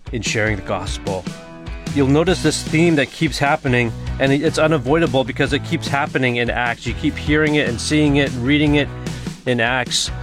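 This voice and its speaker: A man preaching a casual, earnest sermon as pastor, talking conversationally with everyday slang and reading scripture aloud. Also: mid-range voice.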